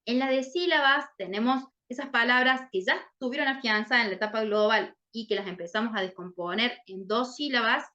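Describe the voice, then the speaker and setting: Woman, teacher, explanatory, keeps asking "right?", bright tone, muffled recording. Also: fairly high pitch, fairly quick, hardly any pauses. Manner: checks in often with "¿sí?". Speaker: literacy teacher explaining a case. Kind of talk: explanatory lesson talk.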